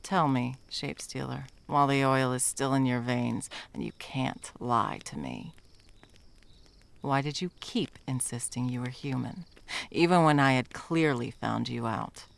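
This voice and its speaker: A woman performs an ASMR roleplay as a fierce female monster hunter, her extremely low, gravelly voice creaking at the edges in an exaggerated delivery. Though the character speaks with dramatic menace and obvious contempt, the mood here turns hushed and softening.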